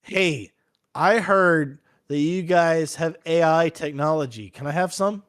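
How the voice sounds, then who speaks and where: A man's voice: a little high, unhurried, a bit bright. A man acting as a prank caller, pestering and repeating his questions insistently in improvised comedy banter.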